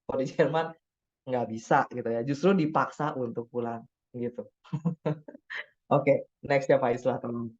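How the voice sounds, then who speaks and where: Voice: mid-range voice, a little slow, a little mellow. Chatty doctor on dull webinar audio. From Indonesia. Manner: chatty, acts out quoted dialogue, frequent tag words. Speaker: doctor speaking on a webinar panel. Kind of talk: casual webinar talk.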